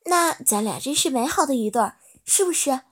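A woman's voice: high-pitched, expressive, a little fast, breathy edge. A woman voicing a caring, worried widowed mother in a storybook reading, speaking in a coaxing way. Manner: warm, coaxing, concerned.

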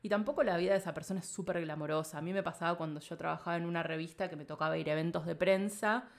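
Low-voiced Argentine woman musing aloud. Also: racing, creaky. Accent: Argentine Spanish. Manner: rambling, thinks aloud with many filler phrases. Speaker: interview guest. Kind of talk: casual reflective conversation.

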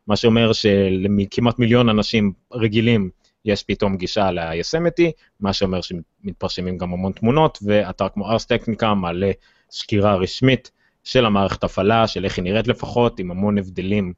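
A man with an Israeli accent hosting a casual tech discussion, speaking haltingly with many filled pauses. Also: on the low side. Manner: hesitant, halting delivery with frequent filled pauses. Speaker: tech podcast host. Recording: dull, roomy, lo-fi sound.

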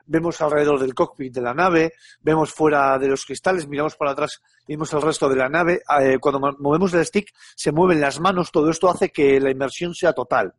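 Higher-pitched man with Castilian Spanish accent. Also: fairly even intonation, brisk, no room sound, clean studio sound. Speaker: video game podcast panelist. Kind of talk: casual game review chat.

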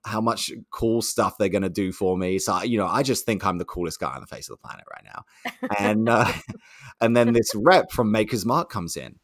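A man's voice: fairly low pitch, moderate pace, no room sound, studio quality. A young man telling a story in conversation, acting out the other voices in it. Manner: animated storyteller, acts out quoted voices.

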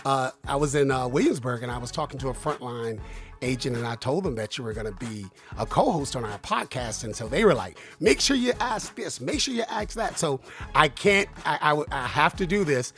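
A man's voice: mid-range voice, lively intonation, fairly quick, fairly bright tone, soft background music. A man hosting a podcast, enthusiastic and joking, asking long rambling questions. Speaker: podcast host. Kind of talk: casual podcast chat.

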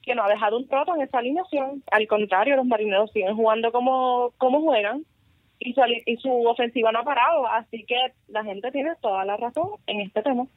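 A woman's voice: on the high side, brisk, dry recording. A woman giving casual sports commentary as a podcast co-host. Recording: muffled, radio-like narrow sound.

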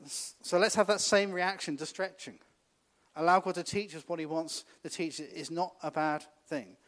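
Male preacher, slightly higher voice, casual sermon delivery with rhetorical questions. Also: fairly even intonation, moderate pace, a bit bright. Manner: conversational, laughs often, asks the congregation questions.

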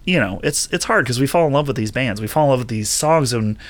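A man's voice: medium pitch, lively intonation, quick pace. Easygoing laughing man co-host. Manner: easygoing, laughs often, rambles a bit. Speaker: podcast co-host. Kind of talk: casual chat.

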